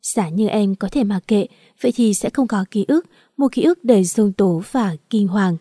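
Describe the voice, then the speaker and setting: A woman narrating a first-person story for an audiobook at an even, steady pace. Her tone is mellow and soft-edged, and the close recording is dry with no room sound. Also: medium pitch, normal speed, dry recording.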